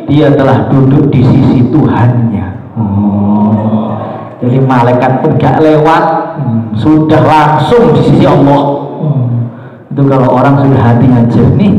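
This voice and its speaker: A young man, preaching a sermon. He tells a story and moves between drawn-out chanted phrases and fast talk. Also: medium pitch, a little mellow. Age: young adult. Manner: storytelling, swings between sung chant and quick speech. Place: large hall. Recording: very echoey hall recording.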